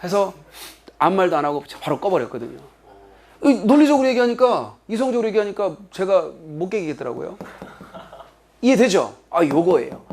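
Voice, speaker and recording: A high-pitched middle-aged man gives an exam-prep English lecture in a classroom. He is lively and expressive and acts out the lines he quotes. His delivery is loose and conversational. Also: moderate pace, creaky. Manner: animated, acts out quoted children in a higher voice.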